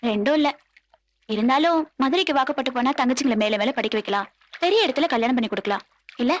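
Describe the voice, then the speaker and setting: A woman's voice: sits high, expressive, fast. An actress playing a shy, sensible young village woman about to marry, who waves off teasing. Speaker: heroine. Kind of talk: Tamil film dialogue.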